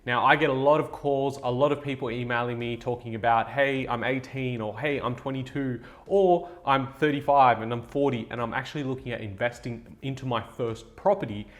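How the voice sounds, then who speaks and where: A man's voice: medium pitch, brisk, hardly any pauses. A man, hosting a casual finance explainer and talking straight to viewers in an upbeat, salesy way. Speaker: buyer's agent and channel host. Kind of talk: direct-to-camera finance explainer.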